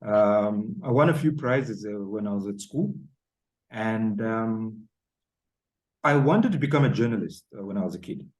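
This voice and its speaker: A man's voice: fairly low pitch, animated, unhurried, a little mellow, rough recording. A man in his forties from Zambia, chatting as a guest author with many ums and uhs. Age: 40s. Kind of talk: casual interview chat. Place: home, South Africa.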